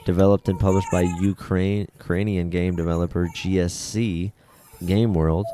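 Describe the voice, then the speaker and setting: A man's voice: sits low, flat delivery, normal speed, mellow, a little hiss or hum. A man co-hosting a casual podcast chat, reading out game blurbs in a dry, dismissive way. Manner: dry and dismissive, skims text aloud. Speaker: podcast co-host.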